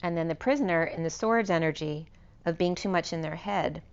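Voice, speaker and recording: A tarot reader with a fairly low, hoarse voice that is fading as she loses it gives an unscripted spiritual reading at a brisk pace. She meanders and corrects herself while listing cards and numbers, and the recording's highs are cut off.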